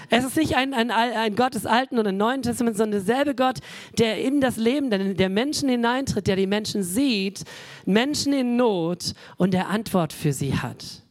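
A woman's voice: mid-range voice, dry recording. Conversational woman preacher in her forties. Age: 40s. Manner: conversational, addresses the congregation directly; frequent filler sounds and self-corrections. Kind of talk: sermon.

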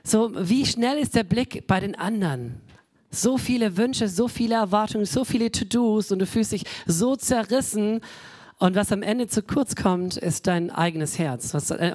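A woman's voice: on the low side, a little mellow, no room sound. A woman in her forties preaching a sermon, talking directly to the congregation with fillers and self-corrections. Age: 40s. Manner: conversational, addresses the congregation directly.

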